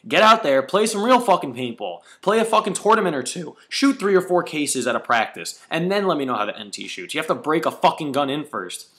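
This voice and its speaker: A man's voice: on the high side, big pitch swings, fairly quick, few pauses, a bit bright. Swearing young man ranting back. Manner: profane, combative, lecturing. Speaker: paintball player replying to a commenter. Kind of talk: angry video response rant.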